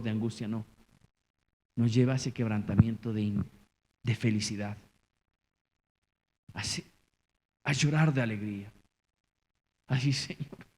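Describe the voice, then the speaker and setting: A man preaching a sermon as pastor, swinging from loud calls to hushed, low lines. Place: church. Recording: church hall reverb.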